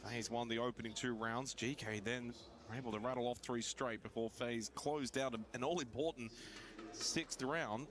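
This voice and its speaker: A man casting a live esports match play-by-play, building excitement on big plays. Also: mid-range voice, normal speed, a crowd in the background.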